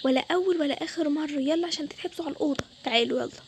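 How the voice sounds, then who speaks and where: A woman's voice: sits high, fairly even intonation, rapid-fire, a little hiss or hum, close to an everyday voice. A young woman voicing a strict, short-tempered mother who scolds and threatens her children, speaking with an Egyptian Arabic accent. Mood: threatening. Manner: scolding, loud, harsh. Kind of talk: storytelling with toy game figures.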